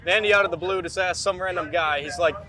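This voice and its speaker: A man's voice: high voice, fast talker, a crowd in the background. A man on a race team chats casually outdoors at a race event, speaking in a tired, matter-of-fact way. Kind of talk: casual on-camera chat. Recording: noisy outdoor recording.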